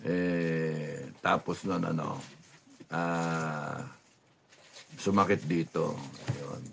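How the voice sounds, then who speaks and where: A man telling a casual anecdote. He is animated and laughs often, sometimes drops to a low, soft mumble, and acts out the voices of people he quotes. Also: drawn-out words, gravelly, a little hiss or hum. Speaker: storyteller recounting a rally.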